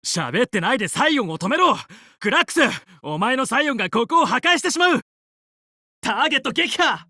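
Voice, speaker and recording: A man playing a young, confident fox space pilot and team leader in a video game, brisk, determined and commanding yet friendly. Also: very high voice, very animated, sharp tone, no echo, studio quality, full character voice. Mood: determined, urgent. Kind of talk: Japanese video game voice acting.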